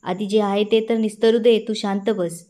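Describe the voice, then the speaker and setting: A woman's voice: medium pitch, steady tone, moderate pace, mellow, natural voice. A woman reading a furious protective father.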